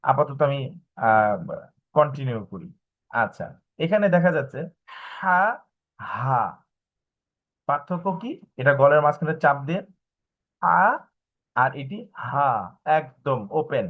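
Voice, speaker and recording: A man teaching Arabic pronunciation in a live online class, slowly repeating each letter sound and checking in with his students. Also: mid-range voice, animated. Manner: patient, checks in with "okay?". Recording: dull lo-fi online class audio.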